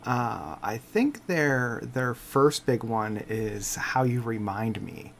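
A man from Canada co-hosts a relaxed, casual podcast in a halting, unhurried way. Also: medium pitch, creaky, a little hiss or hum. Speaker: podcast co-host.

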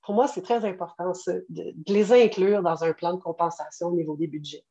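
A woman's voice: lowish voice, fairly even intonation, fast talker, mellow. A woman in her late forties with a French Canadian accent, giving earnest answers as an interview guest. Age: late 40s. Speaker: podcast guest, patient partner. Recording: slightly dull, narrow-band sound.

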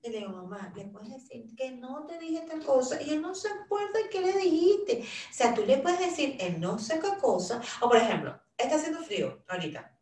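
A woman's voice: high-pitched, normal speed. A middle-aged woman talking casually about caring for her father, telling stories and acting out what people said. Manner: animated storyteller, acts out quotes of her father and herself. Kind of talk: casual talk sharing caregiving advice. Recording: roomy echo, a little far from the mic.

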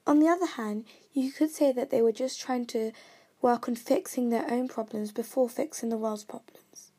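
Her voice sits high, with a darkish, slightly rough tone. A young Kenyan vlogger with a British accent, she earnestly reads out reviews she has written of films and songs.

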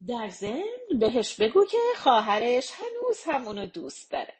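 A woman reading the part of a queen who speaks softly and calmly to her nephew. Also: fairly high pitch. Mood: gentle. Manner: soft, calm. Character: gentle queen, calm and pleading.

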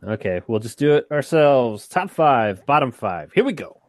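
A man's voice: mid-range voice, big pitch swings, moderate pace, dry recording. A man co-hosting a podcast in casual chat, making wry, offhand remarks. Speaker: podcast co-host.

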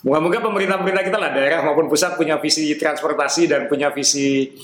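A man talks fast and animated as a podcast host, his voice a little high for a man. He sounds like he is in an echoey room with faint ambient hum behind him. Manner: animated, quick-talking, laughs often. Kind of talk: casual podcast chat.

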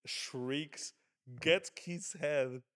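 A man's voice: fairly high pitch, very slow, fairly bright tone. A man in a casual chat about a horror film, mostly chiming in with short agreements and occasionally retelling parts of the plot. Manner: laid-back, brief agreeing interjections. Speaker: film discussion podcast co-host.

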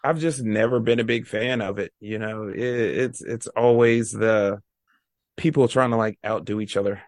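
Lowish guy chatting on a podcast, blunt, slangy, laid back, dry close sound. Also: fairly even intonation, moderate pace, no echo. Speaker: podcast guest or co-host. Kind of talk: casual chat.

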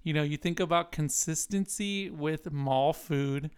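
A young man with a smooth, resonant voice, pitched a touch higher than most men. He chats casually and jokes around with a friend, telling stories with playful exaggeration. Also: measured pace. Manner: joking, animated storyteller who puts on a squeaky kid voice. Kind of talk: casual chat.

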